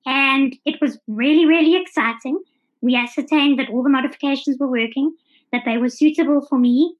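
A woman with a South African accent, a traveller appearing as a podcast guest, gives casual, conversational answers in a high, brisk voice. The audio is dull and lo-fi.

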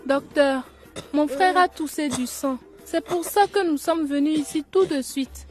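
An earnest teenage girl in a radio drama. She speaks high, respectfully and with open curiosity, over faint music. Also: measured pace. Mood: worried. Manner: respectful, inquisitive. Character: polite, earnest teenage girl from a poor township.

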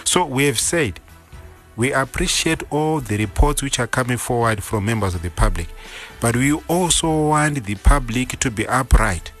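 A man's voice: mid-range voice, lively intonation, normal speed, fairly bright tone, soft background music. A man answering radio questions as a police spokesman, speaking in a firm, official and repetitive way.

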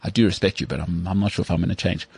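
A man's voice: low-pitched, steady tone, rapid-fire, vocal fry, a little mellow, breathy edge, no echo. A man in his thirties hosting a casual chat, rambling and self-mocking with lots of restarts. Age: 30s. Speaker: podcast host.

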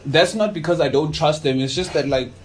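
A man's voice: fairly high pitch, a little fast, slight background noise. A young man chatting casually as a podcast guest, slangy and rambling, often repeating his words.

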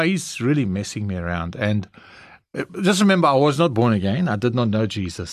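A man's voice: medium pitch, fairly bright tone, no echo, clean studio sound. A middle-aged South African man with a South African English accent, frankly telling his personal testimony as an interview guest. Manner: candid, frank storytelling.

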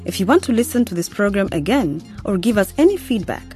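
A woman's voice: mid-range voice, sing-song, fast, darkish tone. A woman reading a scripted outro as the announcer of a radio series. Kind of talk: scripted narration, programme outro. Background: music.

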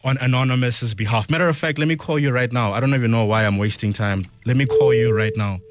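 A man's voice: mid-range voice, fast talker. A South African man presenting a morning radio show like a DJ, speaking earnestly and emphatically, repeating phrases as he appeals to listeners. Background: music under the voice.

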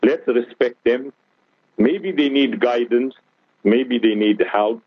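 The speaker is a man with a South African accent, a guest scholar on the radio delivering an earnest religious talk and often addressing the host. His mid-range voice takes its time, with no room sound, over a tinny, phone-like broadcast.

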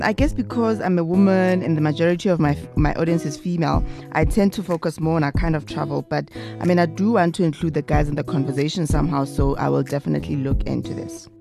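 A woman's voice: lowish voice, vocal fry. A young adult woman with a South African accent, hosting a casual travel podcast in a chatty, enthusiastic way. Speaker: podcast host.

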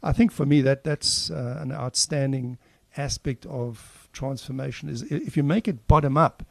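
Male co-host, creaky voice, dry close sound, casual opinionated discussion. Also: medium pitch, normal speed, no echo.

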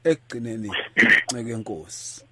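A man's voice: lowish voice, lively intonation, moderate pace, warm tone, breathy edge, dry recording. A man with a South African accent hosting a casual talk show, switching between English and a Nguni language. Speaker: radio host.

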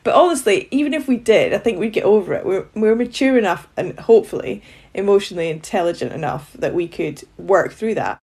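A woman's voice: medium pitch, expressive, a little fast, darkish tone, a little hiss or hum. A woman telling stories about her friend in a reflective conversation, laughing easily. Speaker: interviewee.

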